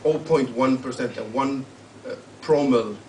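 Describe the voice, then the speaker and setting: A man introducing his poem at a live reading, halting and searching for words as he explains it. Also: mid-range voice, darkish tone. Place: live literary event hall. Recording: roomy, distant live mic with faint hum.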